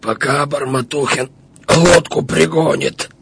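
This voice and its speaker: An actor playing a wary, homely elderly man in a war drama, muttering haltingly and repeating his words. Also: on the high side, fairly even intonation, gravelly, noisy background. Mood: fussing, subdued. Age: older. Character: unshaven elderly partisan ferryman, wary, homely, fussing.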